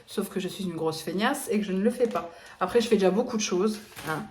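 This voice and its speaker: A woman's voice: medium pitch, quick pace, darkish tone, a little hiss or hum. Chatty woman in an echoey room. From eastern France. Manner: chatty, rambling with many fillers. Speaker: vlogger. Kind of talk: casual grocery haul vlog.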